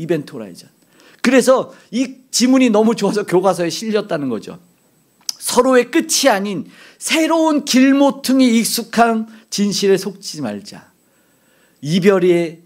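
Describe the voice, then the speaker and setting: A male pastor from South Korea preaching a sermon in a church, full of rhetorical questions and building emphasis. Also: high voice. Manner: animated preaching, rhetorical questions, rising to near-shouts. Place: church sanctuary.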